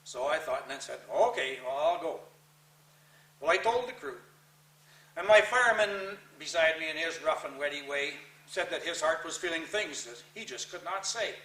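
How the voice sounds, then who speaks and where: A man with a folksy cowboy twang reciting rhyming verse as a theatrical storyteller, with drawn-out emphasis and dramatic pauses. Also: fairly high pitch, expressive, bright, forceful tone. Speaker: cowboy poet reciting a narrative poem. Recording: roomy echo, distant microphone.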